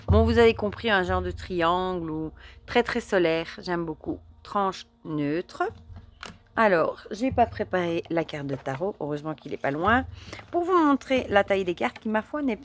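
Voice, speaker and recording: A woman in casual chat with her viewers, showing and admiring a deck of oracle cards, chatty and admiring, with soft murmured asides. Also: lowish voice. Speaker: card reader and oracle deck reviewer.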